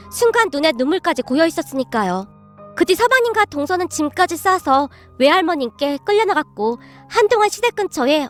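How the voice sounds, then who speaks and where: A woman narrating a family story in a calm, scripted way. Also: sits high.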